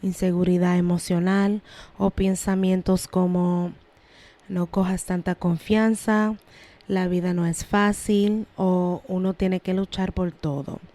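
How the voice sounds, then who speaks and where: A woman from Massachusetts hosting her own podcast, talking through emotional healing in a calm, earnest solo monologue. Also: on the low side, slow. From Lawrence, Massachusetts, USA. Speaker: podcast host.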